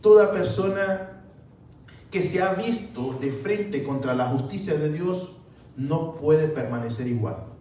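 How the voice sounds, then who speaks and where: A man preaching a sermon as a pastor, slow and deliberate, calling his listeners brothers. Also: on the high side, expressive, warm tone. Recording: roomy echo from far off with faint background noise.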